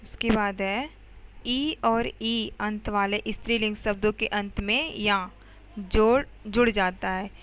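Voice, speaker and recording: Slow-speaking woman teacher. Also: mid-range voice, fairly even intonation, fairly bright tone, clean tone, low-quality recording. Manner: explains step by step with frequent "okay" and "theek hai" checks; addresses students directly with questions. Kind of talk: grammar lesson for schoolchildren.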